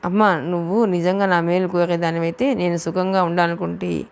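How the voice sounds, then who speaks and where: Woman reads stern, short-tempered young man, harsh and scolding, low with grit. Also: level tone, normal speed, creaky, darkish tone, clear, resonant tone.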